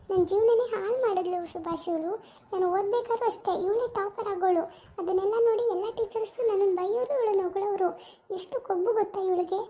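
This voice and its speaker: A bitter, jealous young wife who sneers and rages at her rival, as a woman plays her. The voice is very high but mellow and dark in tone. This is an amateur village drama. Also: slight background noise. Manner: scornful, accusing, shouting insults.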